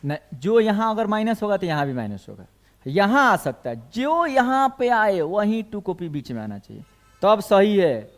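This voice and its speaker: A man's voice: high voice, sing-song, moderate pace, soft background music. A man teaching a math class, working through equations step by step and putting questions to his students. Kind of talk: classroom lecture.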